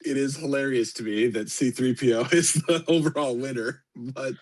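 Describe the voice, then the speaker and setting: A man's voice: mid-range voice, steady tone, normal speed, a little mellow, no echo. A man co-hosting a casual game recap, laid-back, laughing easily and chiming in with corrections. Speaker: co-host. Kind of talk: casual chat.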